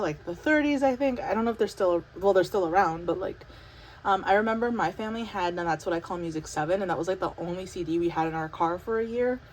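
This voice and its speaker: A young woman chatting casually as she unboxes an album, talking in an excited, breathless way with lots of fillers. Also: mid-range voice, slight background noise, low-quality recording. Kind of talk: casual chat.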